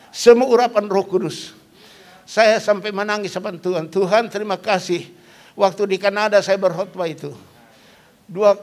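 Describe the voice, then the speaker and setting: An older man delivers a sermon in a noticeably high voice. He preaches emphatically, repeating his key phrases and posing questions to the congregation before answering them himself. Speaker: pastor.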